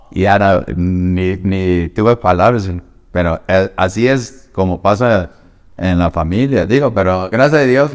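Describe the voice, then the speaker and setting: A man's voice: lowish voice, smooth, long reverb tail. A middle-aged man from New York, an evangelical pastor, giving an earnest, emotional personal testimony in conversation and acting out quoted dialogue.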